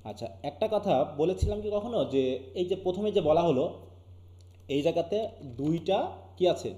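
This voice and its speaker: A man's voice: sits high, fairly quick, mellow, roomy sound. A man with a Bangladeshi Bengali accent teaching an online English class, often asking his students questions. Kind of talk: live online class lecture.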